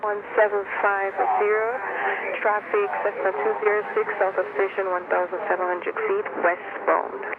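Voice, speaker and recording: A man working as an air traffic controller, giving rapid, clipped instructions over a radio transmission heard through a headset. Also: high-pitched, flat delivery. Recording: lo-fi radio with static hiss.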